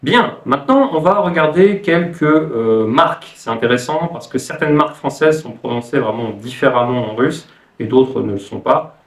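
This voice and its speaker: A man with a mid-pitched voice explains things like an informal language teacher. He hesitates and thinks aloud as he goes, recorded in a clearly echoey room. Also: lively intonation, normal speed, far from the mic.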